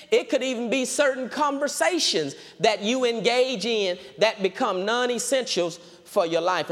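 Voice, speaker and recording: Lively high-voiced preaching man in a reverberant hall. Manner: preacherly, repeats phrases for emphasis. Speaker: pastor. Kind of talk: sermon.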